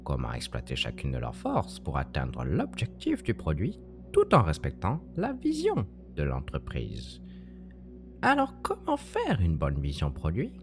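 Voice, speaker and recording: A woman's voice: very deep voice, huge pitch swings, a little slow, over music. A woman presenting a scripted, playful explainer in a theatrical, teacherly manner. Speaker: podcast presenter.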